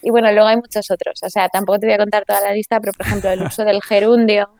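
Woman with a gravelly voice. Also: medium pitch, flat delivery, very fast, a little mellow. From Spain. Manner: explains at length with frequent restarts and tag questions. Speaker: interview guest, economist and author. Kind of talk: conversational interview.

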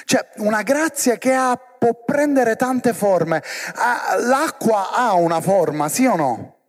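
An animated man preaches to young people, keeps firing questions at the crowd, and pulls them along as he speaks. His voice sits fairly high for a man. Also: takes it slowly. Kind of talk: lively sermon to young people.

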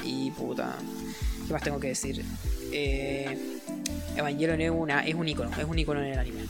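A man's voice: mid-range voice, moderate pace, vocal fry. Young Chilean male co-host, casual and profane, mid-range voice, music bed behind. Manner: slangy, swears a lot, animated rants. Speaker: podcast co-host. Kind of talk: casual chat.

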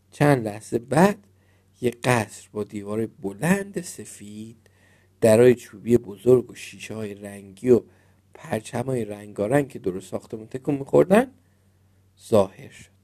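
A man reading a children's fairy tale aloud, gentle and expressive. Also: mid-range voice. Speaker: storyteller.

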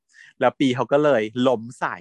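A man's voice: a little fast, dry recording. A man in casual chat who animatedly retells a TV series, laughing often and acting out quotes.

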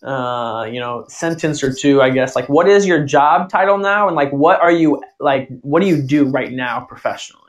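A man's voice: medium pitch, normal speed, few pauses. A man in his twenties from Ohio hosting a podcast, asking casual questions in a rambling way with lots of fillers. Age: 20s. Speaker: podcast host. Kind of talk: casual interview chat.

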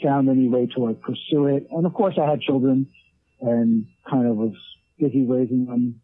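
A man in his late thirties, a guest who works as a leatherwork artist, chats casually in an interview, rambling with lots of restarts and filler words. His voice is medium-pitched and steady, at a moderate pace, and the dry recording sounds like a tinny phone line.

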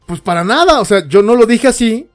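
A tipsy young man with a Mexican Spanish accent co-hosts a casual podcast chat, talking freely, laughing often and acting out the texts he quotes. His voice is extremely high-pitched and animated, fairly quick, with soft background music.

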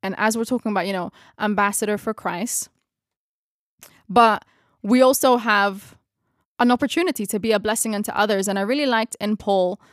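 A young Filipino woman whose mother tongue is Tagalog closes a bible study discussion in English, speaking at a middling pitch. She is reflective, pauses to search for the right word, and laughs at herself. The recording is close and dry, with no room sound.

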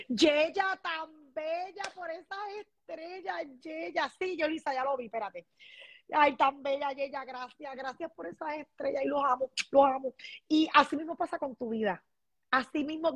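A woman's voice: high voice, a bit bright, no room sound. A woman hosting a live stream, effusively thanking viewers by name and chatting casually. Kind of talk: casual live stream chat, reading comments.

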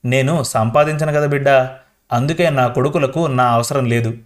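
A man's voice: medium pitch, moderate pace, close to an everyday voice. Storybook: a frail grandmother in her late 70s, tearful and pleading, voiced by a male reader. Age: older. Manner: tearful pleading, addressing the listener as child. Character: frail beaten 78-year-old grandmother, tearful. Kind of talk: storybook reading.

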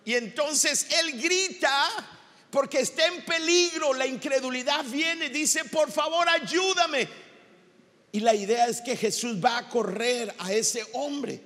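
A male pastor with a Mexican Spanish accent delivers an impassioned sermon, now and then rising to shouts. His voice sits very high and bright. A long reverb from the church hall trails behind his words. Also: a little slow.

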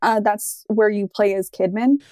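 Over a dry, close sound, a woman chats casually as a podcast co-host, her voice sitting at an ordinary middle pitch. She rambles, leans on "like" and "um", and gushes when something excites her. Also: unhurried, no room sound. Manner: rambling, full of "like" and fillers, enthusiastic. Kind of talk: casual chat.

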